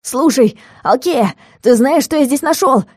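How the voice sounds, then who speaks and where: A woman's voice: high-pitched, animated, unhurried, darkish tone, no echo, clean studio sound, voice pushed up. Woman doing a flustered little bookish devil. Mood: eager. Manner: flustered, plaintive. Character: small fussy bookish male devil.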